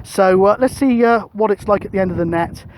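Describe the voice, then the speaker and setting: A British man who vlogs and operates CB radio talks casually on a grassy hilltop, relaxed and colloquial. He sounds high-pitched and brisk, with slight background noise on a low-quality recording.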